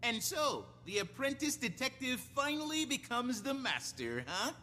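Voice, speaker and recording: An eager, excitable engineer sleuth, whose pitch swings widely. The game dialogue rings with long reverb over faint noise. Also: female voice, a little slow, full character voice. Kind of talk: video game voice acting.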